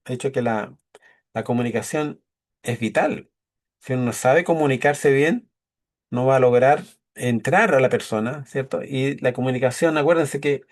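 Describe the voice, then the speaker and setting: A man leads a leadership course in an easy, conversational lecture. His voice sits at an ordinary middle pitch. He keeps checking in with his listeners and acts out brief quoted exchanges to make his points. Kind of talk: classroom-style lecture.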